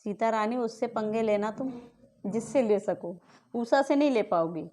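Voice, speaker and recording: Indignant high-voiced woman ranting. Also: moderate pace, dark tone. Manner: indignant, accusing, repeated rhetorical questions. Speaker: vlogger. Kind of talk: angry family-dispute rant to camera.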